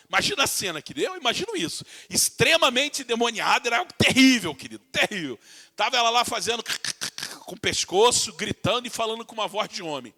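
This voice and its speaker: A Brazilian pastor with a high voice preaches with passion. He often speaks to his listeners as dear ones. His tone is bright and forceful. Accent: Brazilian Portuguese. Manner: impassioned preaching, calls listeners "querido", acts out voices from the text. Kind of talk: sermon.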